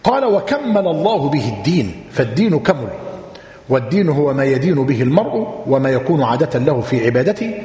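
A man teaching a religious text, repeating points slowly and quizzing his listeners. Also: medium pitch, sing-song, dark tone. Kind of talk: lecture explaining a text. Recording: echoey hall.

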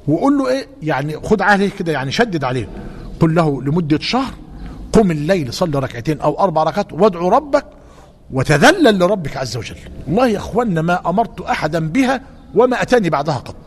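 An Egyptian man teaching a religious lesson in a fast, lively voice that repeats its warnings for emphasis. His slightly raised pitch carries through a long-reverberating hall, with faint noise in the background. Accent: Egyptian Arabic. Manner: animated and emphatic, repeating key phrases.

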